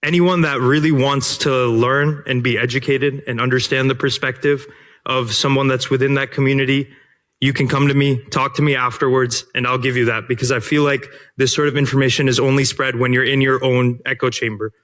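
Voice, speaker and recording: An earnest man gives a public comment at a city council podium, his voice at an ordinary middle pitch. He speaks haltingly, restarting sentences and filling pauses with ums. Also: flat delivery, a bit bright.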